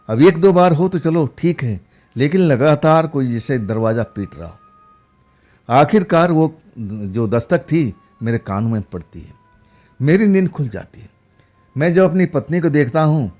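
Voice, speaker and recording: A man's voice: mid-range voice, dark tone. A man narrating a first-person horror story in a loose, rambling way, with fillers and restarts.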